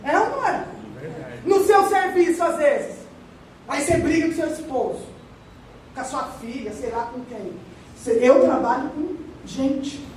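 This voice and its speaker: High-voiced woman preaching in an echoey church. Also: measured pace, far from the mic, a little hiss or hum. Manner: lively, joking, acts out little voices. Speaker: pastor. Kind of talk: conversational sermon. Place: large church hall at the altar.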